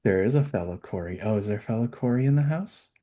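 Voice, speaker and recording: A man with a somewhat low voice hosts an online webinar. He talks in a chatty, upbeat way, full of fillers and restarts. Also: lively intonation, fast, dull audio. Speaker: webinar host. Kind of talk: casual webinar chat.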